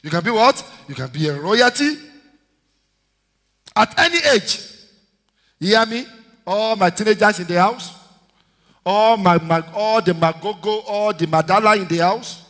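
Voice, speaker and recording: A man in his fifties, a senior pastor preaching a sermon with shouted call-and-response to his congregation. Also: sits high, unhurried, pauses often. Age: 50s. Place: church hall. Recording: echoey church hall reverb.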